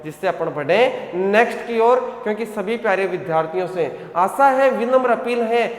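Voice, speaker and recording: A man's voice: sits high, lively intonation, moderate pace. A male teacher giving an online coaching lecture, drilling his students with repeated questions and answers and calling them "beta". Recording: echoey hall sound.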